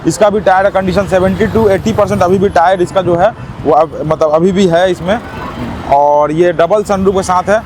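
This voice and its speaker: A man giving an eager, teleshopping-style car sales pitch, hammering points home by repetition. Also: steady tone, moderate pace. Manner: eager teleshopping-style selling, emphatically repeating prices. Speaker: used-car dealer presenting stock. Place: outdoors at a car lot. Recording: noisy outdoor car-lot sound.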